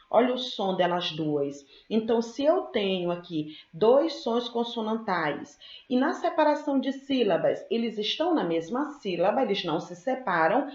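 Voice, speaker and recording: A woman's voice: mid-range voice, darkish tone. Patient schoolteacher woman, echoey lo-fi sound. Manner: patient and explanatory, often checks in with the class; slows to spell out sounds and repeat example words. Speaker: teacher. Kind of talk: recorded grammar lesson for students.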